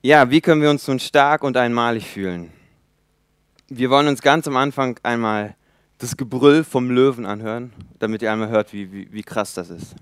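Young man in his twenties preaching, resonant voice, dry close sound, emphatic with loud and quiet swings. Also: mid-range voice, moderate pace, clean tone, no echo. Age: 20s. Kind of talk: sermon.

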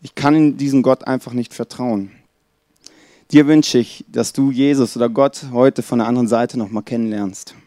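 A man's voice: medium pitch, steady tone, no echo, studio quality. A man preaching a Christmas Eve sermon in a church, earnest and speaking straight to his listeners. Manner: earnest, addresses listeners directly; drops to a soft, slow tone when reading scripture.

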